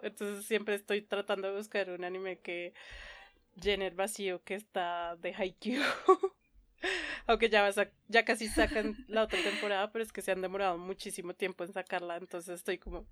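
A woman's voice: mid-range voice, a bit bright, no echo. A young woman, chatting casually as a podcast co-host in a playful, giggly manner. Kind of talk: casual chat about anime.

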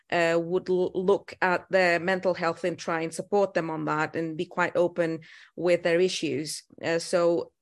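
Portuguese-accented midlife woman, podcast guest. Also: lowish voice. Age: middle-aged. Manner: thoughtful, many fillers and restarts. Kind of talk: casual interview.

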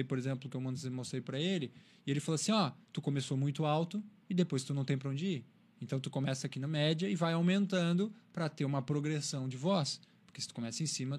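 A man talks quickly in a casual interview. His voice sits a little high, and he tells stories with energy, acting out the people in them. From Brazil, São Paulo. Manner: animated storyteller, acts out quotes. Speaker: interview guest, cycling content creator.

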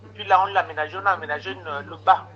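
On a dull, lo-fi recording, a man whose voice is fairly high rattles off a long, casual story at rapid-fire speed. He acts out earlier conversations with lively energy, quoting plenty of what was said to him.

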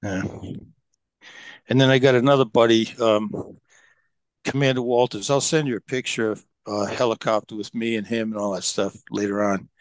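With no room sound in the recording, a middle-aged podcast guest speaks in a lowish, steady voice at a moderate pace. His storytelling is casual and long-winded, dotted with fillers and restarts.

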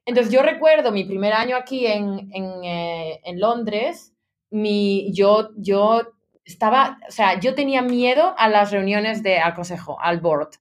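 A woman's voice: medium pitch, animated, a little slow. A woman in her thirties from Spain speaks as an interview guest in a mid-range voice. She chats freely and slips English business terms into her sentences. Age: 30s. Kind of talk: conversational interview. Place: London.

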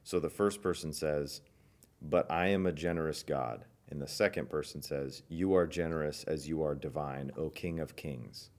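Deep-voiced guy hosting a church podcast, playful, reads quotes out slow. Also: darkish tone. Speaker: church podcast host running a quiz. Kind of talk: casual chat.

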